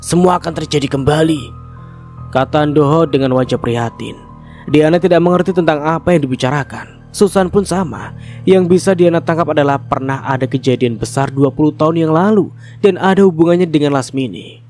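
A man narrating a spoken horror story in a steady, measured storytelling voice. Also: on the high side, faint music behind.

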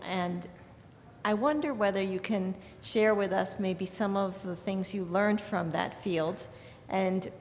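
A middle-aged woman in the audience asking a question slowly, hesitating with many fillers, at a table microphone. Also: medium pitch, vocal fry. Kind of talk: conference question. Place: conference room table. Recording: reverberant hall, faint room noise.

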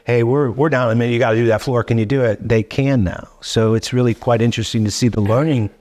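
A man's voice: medium pitch, fairly even intonation, fast, darkish tone. A middle-aged man as a guest on a casual podcast interview, reflective and repeating words as he thinks, speaking into a desk mic in a wood-paneled studio. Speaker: guest, show co-creator. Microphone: boom mic on desk stand.

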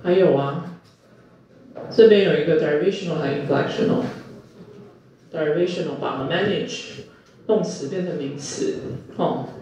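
A man's voice: on the high side, moderate pace, long pauses, dark tone, slight background noise. A male university lecturer, teaching a class and quizzing students with repeated questions. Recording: echoey room, distant mic, muffled.

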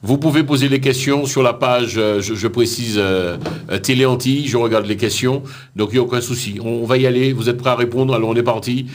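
A man hosting a radio studio interview, asking questions with halting restarts. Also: mid-range voice, steady tone. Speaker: radio show host. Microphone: studio mic with headphones.

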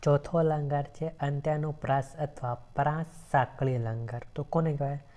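A woman teaching a grammar lesson for exam preparation, asking questions and answering them herself and repeating each example slowly. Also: low-pitched, steady tone, mellow.

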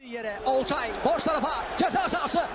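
A man giving animated, excited live commentary on a football match. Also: extremely high pitch, moderate pace. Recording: noisy match broadcast, loud crowd. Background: roaring stadium crowd.

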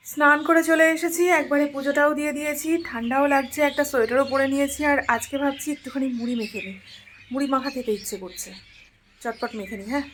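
A woman's voice: sits high, a bit bright, a little hiss or hum. A young woman vlogger with a regional West Bengal Bengali accent, talking casually to her viewers while doing chores at home. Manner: chatty, addresses viewers directly with asides. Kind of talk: casual daily-life vlog narration. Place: home, moving between rooms and rooftop.

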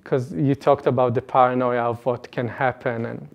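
A man gives an earnest, animated personal talk to a retreat audience, speaking into a lapel mic in an indoor meeting room. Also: medium pitch, normal speed, creaky. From Israel. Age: late 20s. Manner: earnest, animated, gestures broadly, laughs between points.

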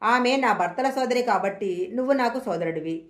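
A stern, defiant queen from an old tale, read by a woman storyteller in her own voice. Her fairly high voice rings with a roomy echo. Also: expressive, moderate pace, close to an everyday voice. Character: proud queen warning her abductor, defiant. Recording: echoey room.

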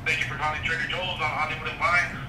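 A man's voice: fairly high pitch, level tone, quick pace, distant mic. A man working as a store employee, answering the phone in a casual customer service manner. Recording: speakerphone call in noisy echoey room.

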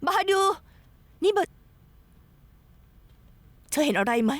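An actress dubbing a sharp-tongued, jumpy young woman in a TV drama. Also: high voice, sing-song, takes it slowly, no room sound, exaggerated voice. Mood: scornful. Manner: scornful, nervous. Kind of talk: Thai dub of a TV drama.

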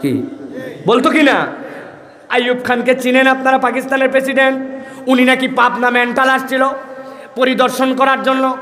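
A man's voice: very high-pitched, fairly even intonation, moderate pace, pauses often, bright, forceful tone, reverberant, big-room sound. A man preaching a sermon, drawing Quranic verses out in long chanted melody and calling out to the crowd. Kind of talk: Bengali waz sermon.

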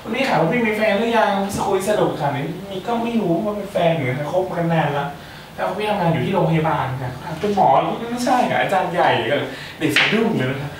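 Young guy tutor, playful n chatty, kinda high voice, recorded far off in a very echoey room w faint hiss. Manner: playful, chatty, joking asides to students. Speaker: student tutor. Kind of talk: exam-prep math lecture.

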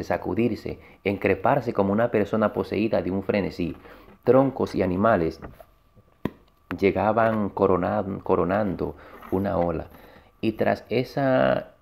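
A man reads a short story aloud in first person, stumbling over words and restarting them as he goes. His voice is fairly low and dark with vocal fry, and there's a little hiss or hum in the recording.

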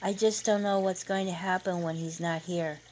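A woman's voice: fairly low pitch, fairly even intonation, moderate pace, a little mellow, a little hiss or hum, natural voice. A woman voicing a cheerful, polite young wife who is hosting a family dinner in a read-aloud story. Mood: weary. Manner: friendly, polite.

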